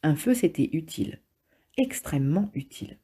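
A woman narrating an audiobook in a calm, measured, steady reading style. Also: low voice, breathy edge. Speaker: audiobook reader.

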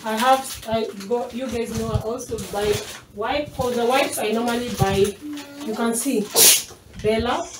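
Kenyan mom chatting in an echoey kitchen. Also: female voice, on the high side, steady tone, measured pace, distant mic. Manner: chatty, unpacking items while talking, drifting from the camera. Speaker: mom vlogger. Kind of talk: casual grocery haul vlog. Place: small home kitchen, indoors. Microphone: camera mic from across the room. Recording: echoey kitchen, off-mic, noisy.

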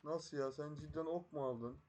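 A young man with a Turkish accent, giving profane, excitable commentary over his own gameplay and shouting when frustrated. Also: on the high side, moderate pace, background noise. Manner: swears constantly, shouts in frustration. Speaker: gaming YouTuber.

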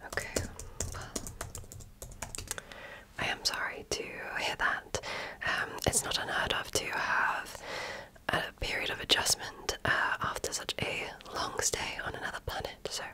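A woman whispers softly and breathily through an ASMR medical exam role-play, a little slowly. She sounds gentle and attentive, like an examiner.

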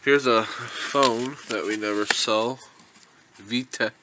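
Slow, easygoing young man sorting finds. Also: mid-range voice, noisy background. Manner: relaxed, chuckles often, thinks aloud. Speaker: reseller vlogger. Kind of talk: casual unboxing commentary.

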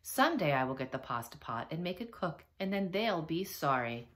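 A woman voicing a boastful, foolish young male helper with a slow, scheming delivery in a storybook reading. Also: low-pitched, big pitch swings, fairly bright tone. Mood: vengeful.

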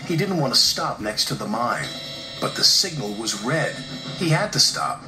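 A man narrating a children's story with expressive, animated delivery. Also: medium pitch, moderate pace. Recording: roomy echo with music behind.

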